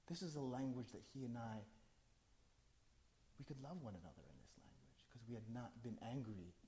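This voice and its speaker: At a live poetry reading, this middle-aged New Jersey man chats casually with the crowd, putting questions to them, before reciting a spoken word poem that builds in intensity. His voice is mid-range and mellow.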